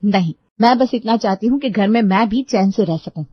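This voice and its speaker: A woman voicing a calm, modern young daughter-in-law who speaks politely but firmly in a cartoon story. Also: mid-range voice, brisk, breathy edge, no room sound, natural voice. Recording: dull lo-fi dry recording.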